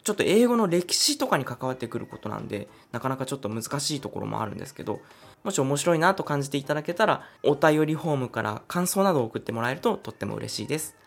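A man hosting his own podcast, talking through an idea one step at a time in a chatty, easygoing way. His voice is a little breathy, and his pitch moves around a lot as he speaks. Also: sing-song, quick pace. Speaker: podcast host. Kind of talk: solo podcast explainer.

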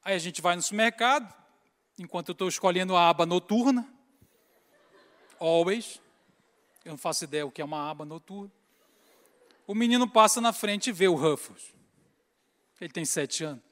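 A man's voice: sits high, moderate pace, pauses often, in a large hall. A man giving a humorous sermon, acting out scenes and calling his listeners brothers. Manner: animated storytelling, acts out scenes, addresses crowd as brothers. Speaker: preacher.

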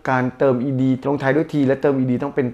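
A middle-aged man with a Thai accent, co-hosting a casual chat in a relaxed way with short replies and questions. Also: mid-range voice, rapid-fire, muffled recording. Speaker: podcast co-host.

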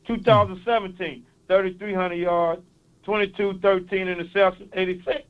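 A man's voice: high voice, fairly even intonation, moderate pace, clean tone, phone-quality sound. A man from East Saint Louis with a local accent, calling into a sports show and earnestly reeling off stats. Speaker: caller. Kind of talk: call-in sports talk.

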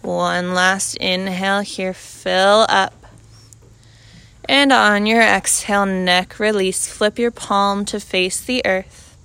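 A woman instructing a guided yoga class, calmly cueing breath and movement in short, measured, unhurried phrases. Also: mid-range voice, vocal fry, clean tone, no room sound.

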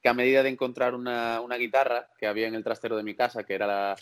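A man's voice: mid-range voice, level tone, rapid-fire, clear, resonant tone. Hesitant young man. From Galicia, Spain. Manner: hesitant, repeats words, laughs often. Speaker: singer and guest. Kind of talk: podcast interview.

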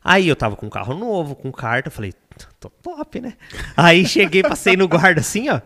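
A man tells a story at speed, his pitch leaping up and down. He laughs often and puts on the voices of the people he quotes. His voice carries a long reverb from the room. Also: very animated, fast talker, pushed and bright. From Brazil. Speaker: podcast guest, sertanejo singer. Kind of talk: animated storytelling.

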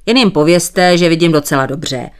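Stubborn, evasive old farmer man, as a woman puts him on in an audiobook, a bit high and loud. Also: clean tone, natural voice. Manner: politely evasive, keeps thanking. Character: stubborn old male sheep farmer, polite.

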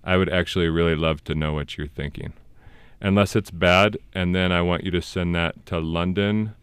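A man's voice: low-pitched, fairly even intonation, normal speed, a bit bright, clean tone, no room sound. A man in his thirties hosting a casual podcast, telling stories in an earnest way. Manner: earnest storytelling. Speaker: podcast host.

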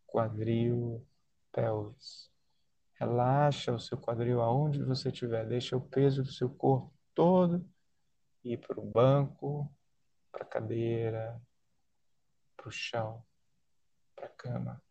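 Slow, soothing Brazilian man guiding relaxation. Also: mid-range voice, steady tone, creaky, warm tone, dry recording. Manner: soothing, unhurried, with long pauses between short phrases. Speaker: guided meditation leader. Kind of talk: guided body-scan relaxation.

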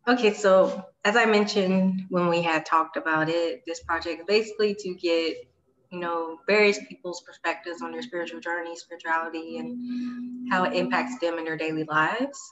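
A woman interviewing a guest in a friendly, relaxed, conversational way. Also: fairly low pitch, moderate pace, roomy sound, lo-fi sound.

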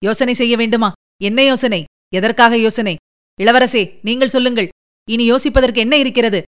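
A fiery, impatient young army commander, as a woman reader puts him on, firing off heated, urgent questions. The voice sits a little high and stays smooth and clean throughout. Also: fairly even intonation, normal speed, lightly acted.

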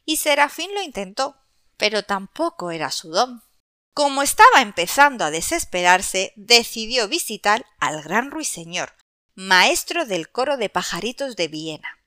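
A woman narrating a children's story expressively, addressing young listeners in an animated way. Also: medium pitch, dry recording, clean studio sound.

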